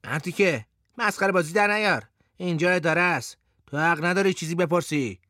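A man doing a gruff, impatient police officer. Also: mid-range voice, flat delivery, no room sound, studio quality, lightly acted.

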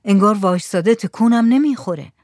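A man's voice: high voice, darkish tone, no room sound, studio quality, lightly acted. A woman doing a puzzled fisherman.

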